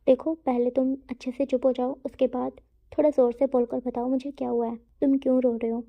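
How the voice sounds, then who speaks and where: A quick-tempered but caring young man, voiced by a woman, who stumbles over his words and repeats himself. The voice sits high and the sound is dull and lo-fi. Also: little pitch movement, creaky. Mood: apologetic.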